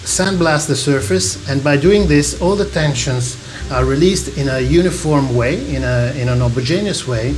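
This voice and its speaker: A man's voice: medium pitch, normal speed. A man walking through how a watch case is made, careful and explanatory. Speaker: watchmaking expert. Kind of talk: explaining a process.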